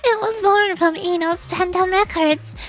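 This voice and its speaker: A woman's voice: very high voice, a little slow, a bit bright, soft background music. A woman voicing a spooky evil child villainess from a game, gloating and mock-sweet, theatrical and taunting. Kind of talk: amateur voice acting of a game story.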